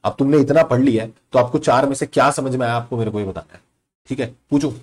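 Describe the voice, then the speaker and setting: A man's voice: mid-range voice, quick pace. A young man giving a live online law lecture, mixing in English terms and quizzing his students in a chatty, teasing way. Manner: quizzing students, conversational Hindi mixed with English.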